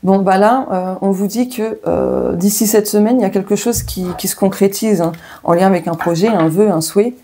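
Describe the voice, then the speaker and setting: A woman's voice: mid-range voice, normal speed, hardly any pauses, warm tone, slight background noise. A woman with a French accent doing a casual weekly tarot and oracle card reading, chatting and thinking aloud with many fillers and asides.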